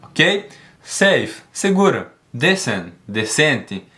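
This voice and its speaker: A man teaching an online English lesson, emphatic and encouraging, drilling words slowly and repeating them. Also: medium pitch, very animated, bright, forceful tone.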